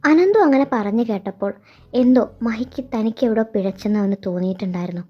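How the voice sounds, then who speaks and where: A woman narrating a fan fiction story in a steady, reflective way. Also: medium pitch, fast talker. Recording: dull lo-fi sound. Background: background music.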